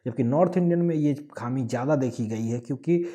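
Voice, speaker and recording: A man from Bihar with a Bihari accent, explaining an online English lesson with everyday examples and lively emphasis. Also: mid-range voice, brisk. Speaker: English teacher.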